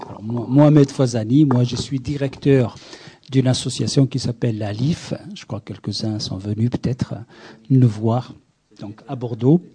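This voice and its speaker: A man's voice: mid-range voice, dark tone, a little hiss or hum. A middle-aged man who runs an association, leading a group discussion and asking many questions in an encouraging way. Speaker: workshop facilitator, association director.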